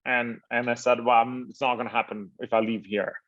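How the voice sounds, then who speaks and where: Man, from Italy, interview guest, founder, halting speech, many fillers, repeated words, mid pitch, dull lo-fi audio. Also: level tone, a bit bright. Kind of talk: casual interview answers.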